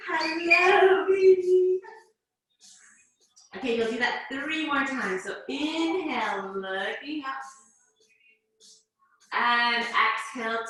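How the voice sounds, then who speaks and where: A woman's voice: fairly high pitch, pushed and bright. Chatty Canadian woman coaching a workout. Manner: encouraging, chatty cues, coos to her baby. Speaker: fitness instructor. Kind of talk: live virtual workout class cueing. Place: home workout space. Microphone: video call. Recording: very echoey room.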